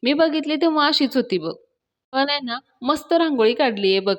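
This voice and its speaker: A woman's voice: sits high, expressive, a little fast, voice pushed up. A woman voicing a fussy, defensive elderly man who keeps protesting his innocence.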